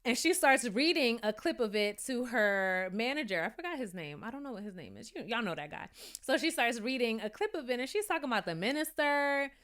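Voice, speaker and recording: A woman's voice: on the high side, sing-song, brisk, fairly bright tone. A woman in her thirties with a New York accent, chatting candidly as she reviews a TV show and laughing easily. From New York City. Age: 30s. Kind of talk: casual review chat.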